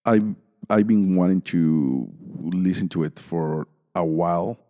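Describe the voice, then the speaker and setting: A man hosting a podcast in casual chat, halting, with many fillers and restarts. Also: sits low, dark tone, big-room sound. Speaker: podcast host.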